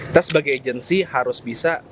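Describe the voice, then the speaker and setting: Interview guest, male, average pitch, Jakarta Indonesian accent, casual explainer who slips into English, faint ambient noise behind. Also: quick pace. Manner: mixes English phrases into Indonesian. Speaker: interview guest from a social media agency.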